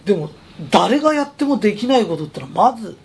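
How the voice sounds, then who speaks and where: A man's voice: high-pitched, big pitch swings, quick pace, creaky, breathy edge. A man who runs a company, giving a chatty, emphatic motivational talk. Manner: chatty, emphatic, persuasive storytelling. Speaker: company president.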